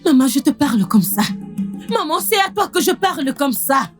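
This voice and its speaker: A defiant young daughter in a dubbed film. Her voice is high and lively, swinging up and down as she talks back. Soft music plays behind her. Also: moderate pace. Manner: defiant, mocking.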